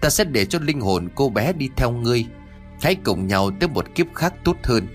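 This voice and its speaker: A man's voice: medium pitch, sing-song, moderate pace, soft background music. Man doing a solemn horned demon king.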